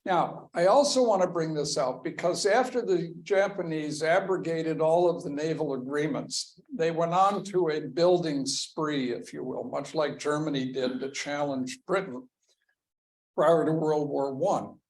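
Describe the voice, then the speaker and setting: Slow, gravelly male history lecturer. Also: on the high side, poor audio. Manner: slow and deliberate, pointing through slides. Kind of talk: classroom lecture. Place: lecture room with a class present.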